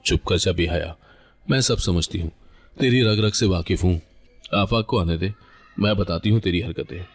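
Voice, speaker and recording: A man's voice: sits low, moderate pace. A man voicing a harsh, scheming older mother-in-law who taunts and scolds. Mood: scornful.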